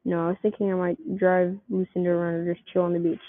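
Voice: mid-range voice, flat delivery, fast talker, no room sound. A person reading a homemade comic story aloud, keeping the characters' voices close to their own. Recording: tinny phone-like dry recording.

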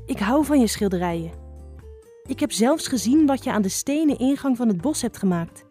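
Woman reads as young girl snake: shy, gushing, higher voice, storybook. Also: expressive, moderate pace, mellow, faint music behind, natural voice. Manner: gushing, artless.

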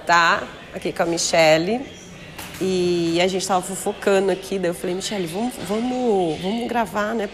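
A Brazilian woman hosts a casual gossip podcast in a mid-pitched voice. She is chatty and slangy, teases freely and slips easily into laughter. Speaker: podcast host.

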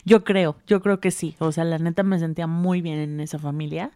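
A young woman with a Mexican accent, co-hosting a casual podcast chat and telling a personal story with animated delivery and frequent laughter. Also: low-pitched, normal speed, clean tone, dry recording. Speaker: podcast co-host.

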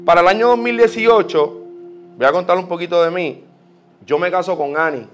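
A man with a Puerto Rican accent preaching a sermon, telling personal stories with lively quoted prayers. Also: high voice, moderate pace, faint music behind. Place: church.

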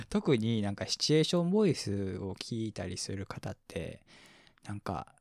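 A man with a Kansai accent hosting a relaxed late-night sleep radio show, reading listener comments in a soft, mumbly, slightly slurred voice that chuckles quietly and drifts into near-whispers. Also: on the low side, measured pace, no room sound, studio quality. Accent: Kansai Japanese.

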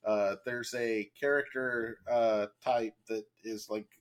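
A slightly hoarse man hosting a casual podcast chat, rambling and halting with lots of fillers and restarts. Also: on the low side, flat delivery. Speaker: podcast host.

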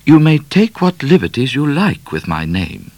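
A genteel, indignant young lady, put on by a man reading a storybook, her voice pitched well above his own. She speaks primly, with lively rises. The recording is close and dry. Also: normal speed, no echo. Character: prim proud young lady, easily offended.

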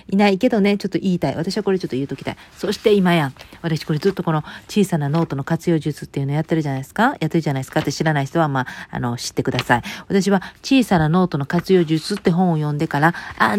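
Fast-talking Kansai woman, low voice. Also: darkish tone, no echo. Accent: Kansai Japanese. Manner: chatty and joking, many fillers and asides. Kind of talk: casual rambling monologue.

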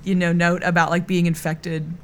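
A middle-aged Texan woman, a singer, chats casually as a guest on a radio interview, sounding earnest, effusive and prone to rambling. Her voice is fairly low with little pitch movement, she talks at a normal speed, and there's a slight hiss or hum on the recording.

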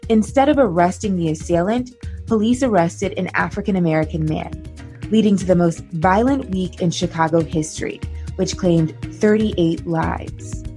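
A woman news presenter reading a scripted report in a measured, even way. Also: fairly low pitch, faint music behind.

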